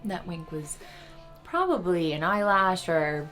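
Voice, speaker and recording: A woman's voice: fairly low pitch, expressive, slow, a bit bright, soft background music. A woman playing a dry, playful young woman.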